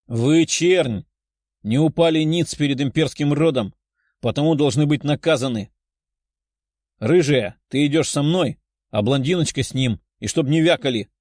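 A man's voice: medium pitch, animated, unhurried, a little mellow, no room sound, studio quality. A man voicing an arrogant, leering young nobleman who sneers and growls in a storybook reading. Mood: growling.

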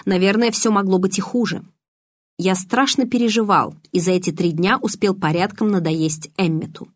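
A woman reading the lines of a guarded, brooding young man in a restrained, quiet manner. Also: mid-range voice, fairly even intonation, normal speed, lightly acted.

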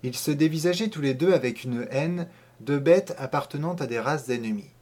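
A man reading a classic short story aloud in a measured, even narrating voice. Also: on the high side.

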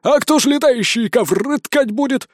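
A man's voice: very high voice, moderate pace, no echo, studio quality, voice pushed up. A man voicing a boastful century-old pirate parrot in an audiobook, with a brash, squawking manner. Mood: cocky. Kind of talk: audiobook character voice.

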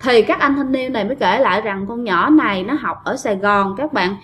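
A chatty Southern Vietnamese woman casually retells a ghost story, speaking directly to her listeners. Her voice is a little high, a little fast and a bit bright.

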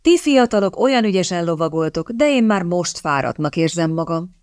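A woman voicing a tired older aristocratic mother in an audiobook, hesitant and slow. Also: on the low side, lively intonation, a little mellow, no echo, clean studio sound, natural voice.

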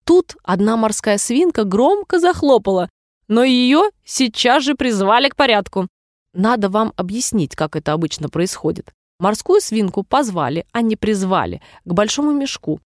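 A woman narrating a children's storybook in a measured, explanatory reading. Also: mid-range voice, sing-song, no room sound, studio quality. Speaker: audiobook narrator.

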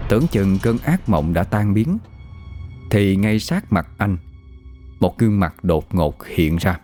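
Brief: deep-voiced male storyteller, grave and measured horror narration, faint music underneath. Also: mellow, no room sound, clean studio sound.

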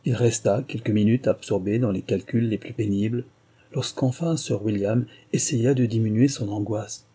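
A man narrating an audiobook in the first person with a steady, literary reading. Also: fairly low pitch, moderate pace, breathy edge.

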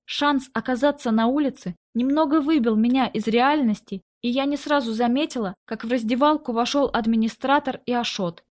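A woman narrating a first-person story in an audiobook, reading in a tense, even storytelling voice and acting out the dialogue. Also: a little high, brisk, few pauses.

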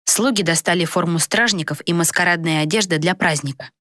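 A woman narrating an audiobook-style story in a steady, even reading voice. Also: on the low side, fairly quick, no echo. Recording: dry close recording.

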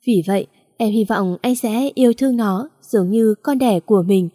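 A woman narrates a romance story in an even, measured scripted reading. Her voice is warm and mellow, recorded dry and close with no room echo. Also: mid-range voice.

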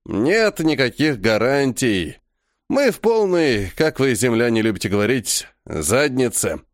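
A man reading an audiobook, voicing a weary old alien chief who is blunt, calm and fatalistic. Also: medium pitch, measured pace, dry recording, clean studio sound. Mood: grim resolve.

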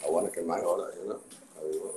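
Fast-talking Egyptian man, sarcastic. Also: low-pitched, slight background noise. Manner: sarcastic, animated, teasing. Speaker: doctor hosting a live stream. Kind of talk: casual live stream talk. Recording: roomy echo.

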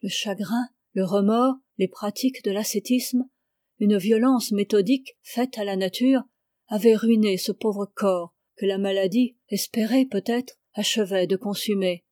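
Mellow woman reading a novel aloud. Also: mid-range voice, unhurried, dry recording, studio quality. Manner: calm, even, literary reading. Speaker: audiobook reader. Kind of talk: scripted narration of a novel.

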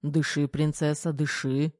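Reader doing a gruff young major husband, protective, mellow voice, audiobook. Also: mid-range voice, normal speed, no echo, clean studio sound, lightly acted. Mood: soothing. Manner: gruff, doting.

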